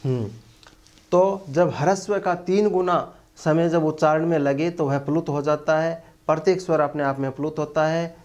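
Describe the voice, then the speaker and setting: A male Hindi grammar teacher giving an online lecture, speaking deliberately and filling his pauses with long drawn-out "a" sounds. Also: a little high, fairly even intonation, darkish tone. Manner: slow, deliberate, with many drawn-out "a" fillers.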